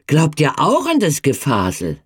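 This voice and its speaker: In a studio-quality audiobook reading with no room sound, a reader voices a stout, proud, stubborn farmer, blustering emphatically in a scornful boast. The exaggerated medium-pitched voice, raised above the performer's own, swoops wildly in pitch, runs a little slow, and has a breathy edge.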